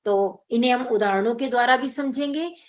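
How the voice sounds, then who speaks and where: A woman giving a measured academic lecture at an online workshop, explaining step by step with small hesitations. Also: a little high. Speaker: guest speaker at an online workshop. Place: online workshop, video call.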